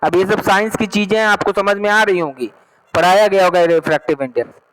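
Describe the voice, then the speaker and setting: High-voiced male teacher explaining slowly. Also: noisy background. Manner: explains slowly, reads English text then repeats in Hindi; checks understanding often. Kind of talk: online class lesson.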